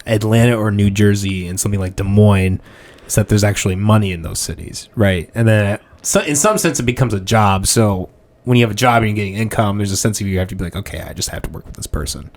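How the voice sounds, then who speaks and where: A man hosts a casual podcast interview in a somewhat low voice. He asks rambling, hesitant questions packed with fillers, then settles into longer points. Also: fast. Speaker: podcast host.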